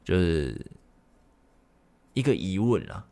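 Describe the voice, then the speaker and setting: A man, speaking in a very deep voice with a gravelly rasp. He tells a story from his own life in a loose, meandering way and curses without holding back, like a podcast host talking off the cuff. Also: sing-song, slow pace, mellow. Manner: rambling, frank, swears freely. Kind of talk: casual personal storytelling.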